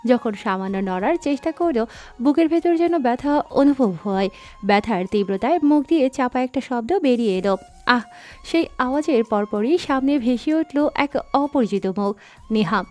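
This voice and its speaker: A woman narrating a dramatic story in an expressive, scripted reading. Her voice sits a little high, with faint music playing underneath. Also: normal speed. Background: faint background music.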